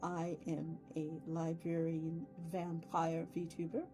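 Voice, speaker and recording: With music in the background, a VTuber hosts a casual livestream and chats with viewers playfully and effusively, using theatrical turns of phrase. Her voice, though, is low-pitched, monotone, and slow.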